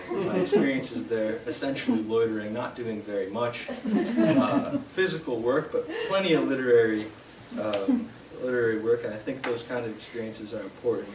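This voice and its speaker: A young man from Canada giving a live poetry reading in a bookshop, hesitant with fillers between poems and steady in his verse. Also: medium pitch. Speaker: poet. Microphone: distant from the mic. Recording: roomy, distant, noisy live room sound.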